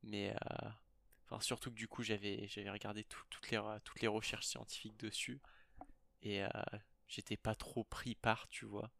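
A man's voice: fairly low pitch, little pitch movement, normal speed, vocal fry, sharp tone, no echo. A young man from Britain co-hosting a podcast, chatting in a colloquial, offhand and slightly skeptical way. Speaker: podcast co-host. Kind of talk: casual chat.

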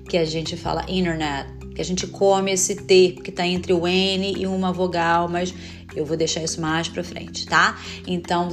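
Patient woman teaching pronunciation, low voice. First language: Portuguese. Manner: patient, explains step by step with tag questions; demonstrates sounds slowly and carefully. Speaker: English teacher. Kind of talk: video lesson explaining pronunciation.

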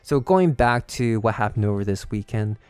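A man's voice: fairly low pitch, clear, resonant tone, no room sound. A man hosting a casual solo podcast, telling personal stories in a chatty, confiding way. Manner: calm, unhurried at first, growing more animated. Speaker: host of a series.

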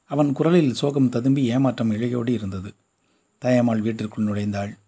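A man narrating a short story in a steady storytelling manner. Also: mid-range voice, normal speed, slightly rough.

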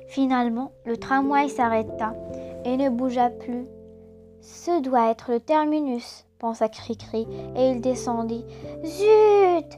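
A storyteller gently reading a children's story aloud, over background music. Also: mid-range voice. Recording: music bed behind voice.

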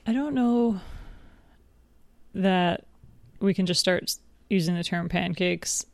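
A woman's voice: on the low side, takes it slowly, darkish tone, dry recording. A woman co-hosting a podcast, rambling and playful in casual chat. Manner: rambling, playful, laughs easily. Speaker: podcast co-host.

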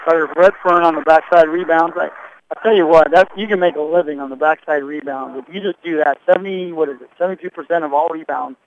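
Fast-talking male color commentator. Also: a little high, steady tone. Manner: chatty, folksy, analytical. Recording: dull lo-fi radio broadcast.

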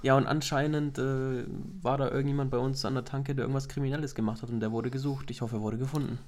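A man's voice: medium pitch, little pitch movement, quick pace, darkish tone. A young man in casual chat, telling anecdotes in slangy speech full of swearing. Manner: slangy, storytelling, swears with "Alter".

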